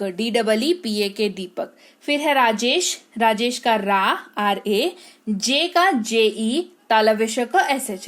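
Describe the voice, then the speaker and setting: A woman teaching English spelling, speaking patiently, repeating words slowly and checking that her students follow. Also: sits high. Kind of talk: explaining spelling to learners.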